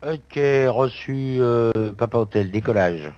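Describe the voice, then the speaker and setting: A man's voice: medium pitch, slow pace, darkish tone, no room sound, highs cut off. A man speaking as a pilot, giving radio readbacks over a cockpit headset. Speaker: pilot on air traffic radio. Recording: engine drone, noisy headset radio.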